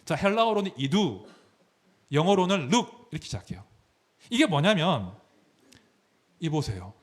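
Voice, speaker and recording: A man's voice: sits high, moderate pace. A male pastor preaching a sermon. He explains the scripture and acts out its voices. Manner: animated, explanatory, dramatizes scripture.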